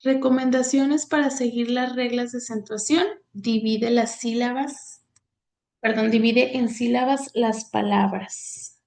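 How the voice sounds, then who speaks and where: A woman teacher, reading grammar slides aloud in a halting way with many fillers. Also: a little high, fairly even intonation, vocal fry, darkish tone. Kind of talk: slide lecture on accent rules.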